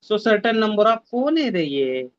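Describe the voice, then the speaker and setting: A man's voice: high-pitched, sing-song, slow, clean tone, no room sound, muffled recording. A man teaching a math lesson in an online class, mixing Hindi and English and repeating his instructions. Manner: mixes Hindi and English, repeats instructions, scolds students to mute mics. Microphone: video call.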